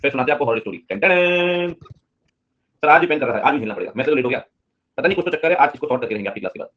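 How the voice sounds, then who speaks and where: Very fast-talking joking male teacher. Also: medium pitch, expressive, a bit bright, muffled recording. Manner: joking, teasing banter with students. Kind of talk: live online class lecture.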